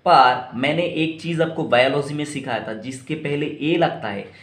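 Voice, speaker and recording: A man's voice: fairly high pitch, normal speed, fairly bright tone, reverberant. A male biology teacher lecturing students, spelling out terms letter by letter and quizzing the class.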